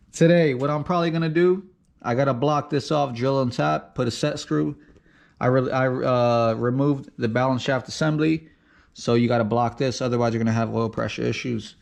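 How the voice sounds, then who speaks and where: A man talks through his engine rebuild in a casual garage vlog. His delivery stays flat and monotone even when he says he is excited, at a pitch typical for a man. The talk is loose and chatty, as he works in his home workshop. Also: vocal fry. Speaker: car build vlogger.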